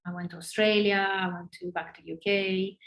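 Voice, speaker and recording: In her forties and from northern Italy, a former ballerina answers casual interview questions with an Italian accent, hesitating and restarting with many fillers. Her medium-pitched voice is fairly bright and even, at a moderate pace, recorded with roomy echo.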